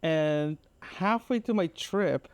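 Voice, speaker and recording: A Canadian podcast host tells everyday stories in a casual audio diary, rambling, repetitive and mildly exasperated, often checking in with the listener. His voice is on the high side and slow-paced, with no echo.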